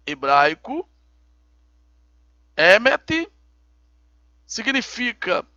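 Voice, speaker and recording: Slow, deliberate male Bible teacher. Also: high-pitched, pushed and bright, no room sound, muffled recording. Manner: slow, deliberate, explains terms step by step. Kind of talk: recorded Bible lesson.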